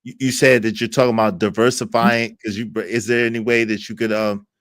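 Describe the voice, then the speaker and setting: A man hosting an online debate, cutting in quickly to keep order between speakers. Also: lowish voice, little pitch movement, fairly bright tone, dry recording, clean studio sound. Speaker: host and moderator. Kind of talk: moderating a debate.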